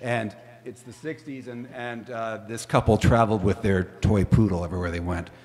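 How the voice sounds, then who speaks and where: A singer-songwriter, a man, chatting between songs at a live open stage, telling a long low-key anecdote in a rambling way. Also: steady tone, moderate pace, a little mellow. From Canada. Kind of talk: casual storytelling between songs. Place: live music venue stage, indoors. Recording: live room with long reverb and guitar.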